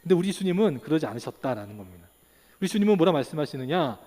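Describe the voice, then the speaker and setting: Animated high-voiced pastor preaching in a hall. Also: male voice, fast. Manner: animated preaching, acts out quotes, rhetorical questions. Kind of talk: sermon. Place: church sanctuary. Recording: long reverb of a church hall.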